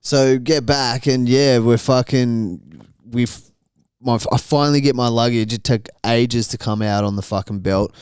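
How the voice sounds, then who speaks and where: A man's voice: medium pitch, steady tone, unhurried, a little mellow, clear, resonant tone, no echo, clean studio sound. A young Australian man co-hosting a podcast, telling crude, swear-filled stories in casual chat. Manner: crude, profanity-heavy storytelling with laughs. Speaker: podcast co-host.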